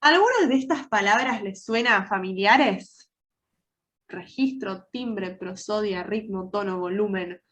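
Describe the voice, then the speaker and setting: A woman's voice: mid-range voice, lively intonation, unhurried, fairly bright tone. A woman with an Argentine accent, nasal and congested from a cold, teaching an online workshop and asking her audience many questions. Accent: Argentine Rioplatense Spanish. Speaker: soft-skills trainer.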